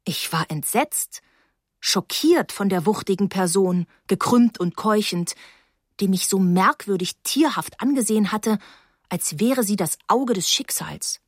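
A woman reading a novel aloud in the first person with an expressive, dramatic delivery. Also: mid-range voice, unhurried, husky, no room sound, studio quality. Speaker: audiobook reader. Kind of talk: expressive audiobook narration.

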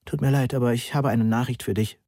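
A man's voice: medium pitch, steady tone, fast talker, mellow, dry recording, lightly acted. A man reading an audiobook, voicing a hurt young woman student who is close to tears. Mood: tearful.

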